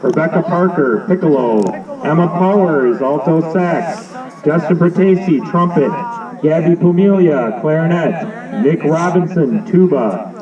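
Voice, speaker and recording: A man with a slightly raised voice reads a roster over an outdoor stadium loudspeaker in a steady, measured way. The sound is old camcorder audio, dull and muffled, with the voice echoing from far across the field. A crowd murmurs throughout. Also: on the high side. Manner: steady, measured reading of names. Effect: announced over a stadium loudspeaker. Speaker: stadium announcer. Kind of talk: formal roster announcement. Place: outdoor high school stadium. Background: crowd noise.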